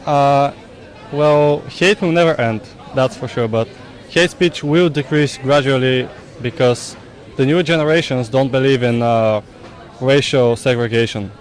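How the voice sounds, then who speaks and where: A man with a mid-pitched voice answers a street interviewer in a measured, matter-of-fact way. He pauses briefly with fillers, then states his view plainly. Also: a faint crowd. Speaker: passer-by interviewee.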